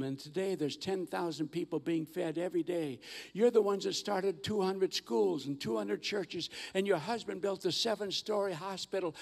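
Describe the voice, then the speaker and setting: An older man telling mission stories in a sermon on a church stage, animated and acting out the voices of the people in his stories. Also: high voice, vocal fry. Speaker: guest missionary speaker. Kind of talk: storytelling sermon. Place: large church auditorium stage. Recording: long hall reverb.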